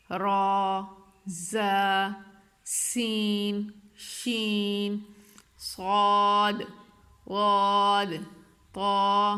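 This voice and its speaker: A woman teaching a recorded lesson, speaking slowly and carefully and stressing each sound she names. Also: medium pitch. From Pakistan.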